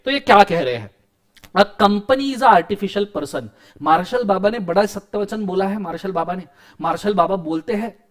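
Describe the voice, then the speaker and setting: Male law teacher, very high voice, joking classroom lecture, theatrical delivery. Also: a bit bright.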